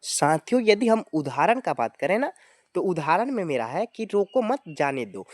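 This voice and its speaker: Recorded with no echo, a high-pitched man's voice walks exam students through a grammar lesson step by step. He explains things clearly, frequently addressing viewers as "friends" and tacking on tag words.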